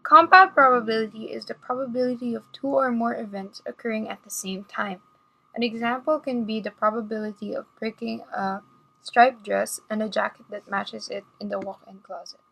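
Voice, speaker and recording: A woman's voice: a little high, fairly even intonation, normal speed, vocal fry, a bit bright, rough recording. A woman reading scripted educational narration, explaining step by step.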